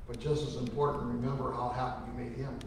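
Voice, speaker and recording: A middle-aged male pastor delivers a funeral sermon in an earnest, folksy style inside a large church sanctuary. His medium-pitched, darkish voice is level in tone and fast. A lectern microphone picked up by a distant camera gives the sound a roomy, far-off quality with slight background noise.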